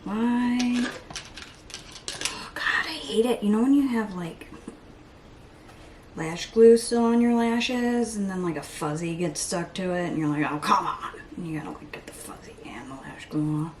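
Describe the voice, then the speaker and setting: A woman's voice: on the low side, normal speed. Chatty lady doing her makeup at home, rambles to herself, a bit of hiss. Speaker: beauty vlogger. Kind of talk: casual get-ready-with-me chat.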